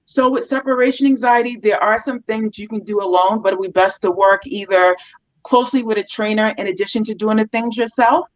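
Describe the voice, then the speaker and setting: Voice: mid-range voice, a little fast. A dog trainer explaining behaviour problems in a loose, casual interview, with many ums and you-knows. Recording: dull, slightly lo-fi sound.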